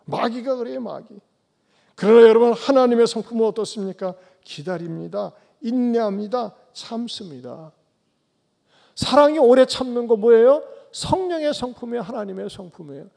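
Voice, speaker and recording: A man preaching a sermon as pastor, tossing rhetorical questions at the congregation and swinging between loud calls and soft low asides. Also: animated, moderate pace, vocal fry. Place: church sanctuary. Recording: long church hall reverb.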